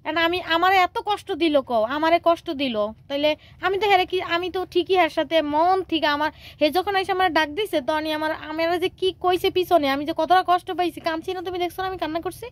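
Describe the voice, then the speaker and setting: A young woman talks to her son in a high voice. She explains things patiently and at length, with a coaxing tone. Her speech is quick and runs on in casual home chat. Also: fairly even intonation.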